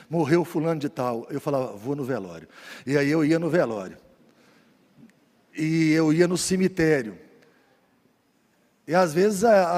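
Mineiro pastor guy preaching stories, goes loud then soft, high voice, big church echo. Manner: lively storyteller, swings from loud preaching to quiet asides. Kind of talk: storytelling sermon.

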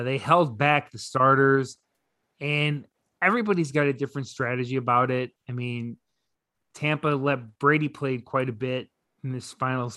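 A man co-hosting a casual sports podcast, relaxed and rambling with lots of fillers and restarts. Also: medium pitch, no echo, studio quality. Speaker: podcast co-host.

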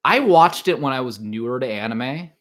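Here a man hosts a relaxed podcast on anime and visual novels, frequently qualifying his remarks. His medium-pitched voice is expressive and paced at a normal speed.

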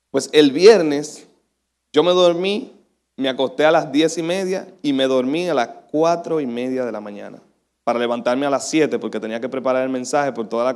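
A man's voice: mid-range voice, darkish tone. A young man preaching a sermon as a pastor, chatty and self-deprecating, laughing often.

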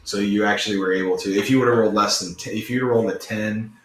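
A man's voice: fairly low pitch, steady tone, quick pace. A man narrating as game master for a tabletop game in a loose, rambling way with lots of fillers. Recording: echoey room with faint noise.

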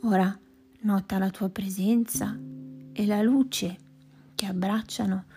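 A woman guides a meditation at a very unhurried pace, her soft voice often dropping into a whisper. Her tone carries a gravelly edge. Plucked guitar music plays clearly behind her. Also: mid-range voice, steady tone. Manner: slow, soft, partly whispered delivery.

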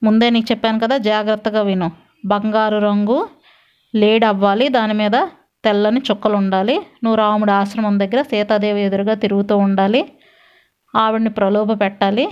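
A woman's voice: medium pitch, flat delivery, brisk, a little mellow, clean tone, lightly acted. A woman voicing an arrogant male demon king who scolds and threatens in a storytelling reading. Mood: commanding. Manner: domineering, scolding. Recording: dull lo-fi recording.

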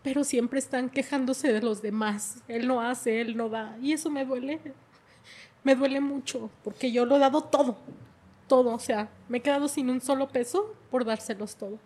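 A woman's voice: high voice, normal speed, a little mellow. A middle-aged woman, telling her life story in an emotional way and often repeating her words. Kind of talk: personal testimony.

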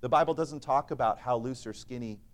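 A preacher speaks fairly quickly in a mid-range voice, earnest and emphatic throughout his church sermon. His delivery swings from loud to soft, and he recites scripture using antiquated wording.

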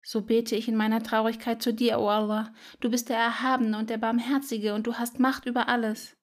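A woman voicing a proud little female spider who pleads in a high, earnest voice in a children's audio story. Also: level tone, brisk, natural voice. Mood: pleading.

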